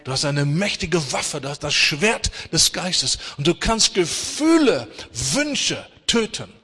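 A middle-aged man preaches with emphasis, rising to loud urging and dropping to hushed intensity. His voice is bright and cutting yet husky. The sound carries a long reverb, as in a large hall. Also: on the high side, sing-song, slow. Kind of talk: sermon.

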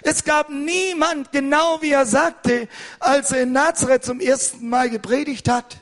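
An older man preaching an impassioned sermon as pastor, hurried and fervent, at times rising to a shout. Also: very high-pitched, fairly even intonation.

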